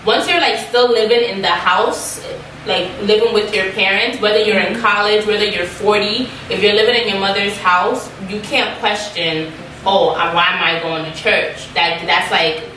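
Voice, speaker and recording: A woman's voice: mid-range voice, moderate pace, bright, forceful tone, a little hiss or hum. A young adult woman talking a lot and with emphasis in a casual group chat, with many fillers. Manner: talkative and emphatic, full of fillers. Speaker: guest. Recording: echoey room from a distant mic.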